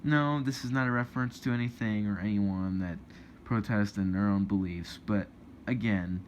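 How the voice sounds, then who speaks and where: Young male vlogger, indignant rambling rant, fairly low voice, faint hiss behind. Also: normal speed. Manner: rambling and indignant, many restarts. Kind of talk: casual opinion rant to camera. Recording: dull lo-fi with faint noise.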